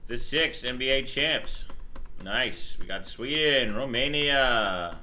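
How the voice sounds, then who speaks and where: A man's voice: mid-range voice, lively intonation, takes it slowly, sharp tone, slight background noise. A man from New Jersey hosting a casual live stream, greeting viewers and explaining computer settings as he works. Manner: chatty, greets viewers, explains overclocking settings while working. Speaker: livestream host.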